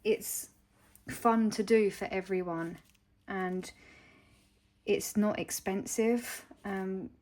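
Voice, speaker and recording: A young woman from England talking to camera in a casual vlog, hesitant and heartfelt, with many pauses and ums. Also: medium pitch, steady tone, darkish tone. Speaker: vlogger.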